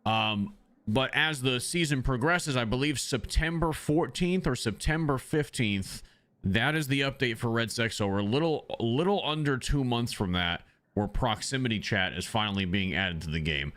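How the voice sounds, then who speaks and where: A man's voice: medium pitch, lively intonation, normal speed, a bit bright. A man chatting loosely to his viewers as a streamer, rambling with many ums, speaking into a desk microphone. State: has the hiccups. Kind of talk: casual livestream chat.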